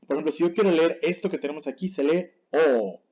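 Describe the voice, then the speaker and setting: On a dull, lo-fi recording, a language teacher with a mellow voice, a little higher than most men's, explains Japanese pronunciation on screen in fairly even intonation. He patiently repeats each word slowly to contrast right and wrong, checking in with his viewers often.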